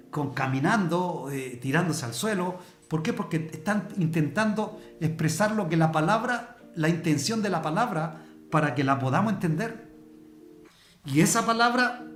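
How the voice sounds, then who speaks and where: A preacher, teaching a church discipleship class in a conversational way and explaining with everyday examples. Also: male voice, fairly high pitch, echoey room. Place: church hall.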